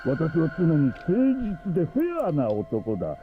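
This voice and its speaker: A smug cruel captor. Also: male voice, a little high, huge pitch swings, normal speed, narrow, tinny audio, faint music behind. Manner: mocking, condescending, smug. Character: cruel scheming middle-aged male captor. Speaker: game character.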